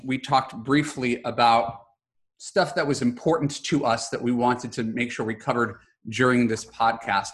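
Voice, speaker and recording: A man's voice: mid-range voice, steady tone, moderate pace. A man in his forties hosting a podcast interview, chatty and often repeating words as he starts a sentence. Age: 40s. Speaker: podcast host. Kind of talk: casual interview chat.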